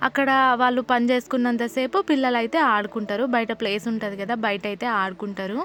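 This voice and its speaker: A woman's voice: a little high, fairly even intonation, fast talker, a bit bright, faint music behind. A woman, chatting casually to camera at home in a vlog about her evening with her kids. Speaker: vlogger and mother.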